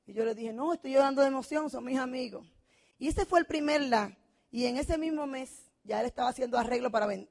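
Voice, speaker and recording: Passionate middle-aged woman, high voice. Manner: passionate, dramatic storytelling with vivid quoted dialogue and frequent shouting. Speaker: motivational speaker at a business convention. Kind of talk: emotional testimonial talk.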